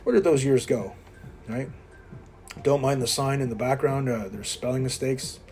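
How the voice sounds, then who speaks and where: In an indoor gym, a man from Quebec in his fifties films a workout, casually coaching his viewers with blunt, self-deprecating humor. His voice is medium-pitched, steady and slightly mellow at a normal speed, with soft music in the background.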